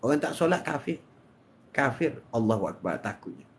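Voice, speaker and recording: An older man with a Malaysian Malay accent giving a live religious talk, swinging between loud, high exhortation and low murmurs. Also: very animated, moderate pace, slight background noise. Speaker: religious speaker.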